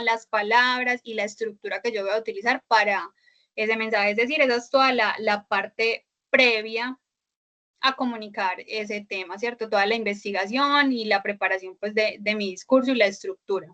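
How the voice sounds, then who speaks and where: A woman's voice: a little high, pushed and bright. A woman instructor giving an online class lecture, explaining step by step with many "eh" fillers and a questioning "¿cierto?" after her points.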